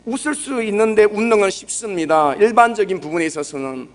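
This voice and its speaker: A young male pastor with a Busan Gyeongsang accent, preaching gently and conversationally, often putting questions to the congregation. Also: high-pitched, lively intonation, fairly quick. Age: young adult. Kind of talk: sermon.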